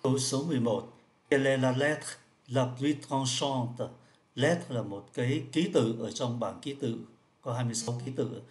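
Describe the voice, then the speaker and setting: A man's voice: mid-range voice, a little mellow. Patient man explaining French riddles. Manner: patient, repeats each point, slows down for French words. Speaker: French teacher.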